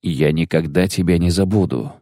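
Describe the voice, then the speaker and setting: A man's voice: deep voice, moderate pace, dark tone, dry recording, studio quality. A man reading an audiobook, voicing a guarded, weary witcher who answers curtly with few words. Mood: strained. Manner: curt, reluctant, few words. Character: terse weary male witcher, guarded and quiet. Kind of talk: audiobook character voice.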